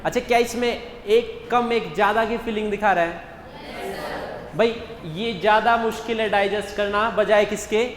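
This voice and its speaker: High-voiced teacher man in an echoey hall. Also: fairly even intonation, normal speed. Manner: keeps asking the class questions and answering them himself. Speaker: English teacher. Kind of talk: classroom lesson explaining mock test answers. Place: classroom with students. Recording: echoey hall with faint background hum.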